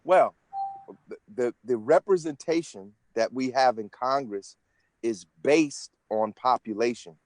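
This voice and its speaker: A man in his sixties talks through his answers earnestly and at length, often restarting his sentences. His voice sits at an ordinary pitch, and the recording is dry and close. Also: unhurried, a little mellow, dry recording. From United States. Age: 60s. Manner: earnest, explanatory, with frequent restarts. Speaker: interview guest, senate candidate. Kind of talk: conversational interview answers.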